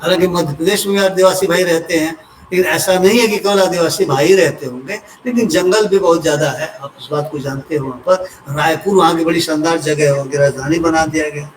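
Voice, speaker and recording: An older man from Uttar Pradesh, a retired civil servant, explaining a topic in an unhurried lecture with homely examples and personal asides. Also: a little high, a little hiss or hum. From Uttar Pradesh, India. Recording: roomy echo from a distant mic.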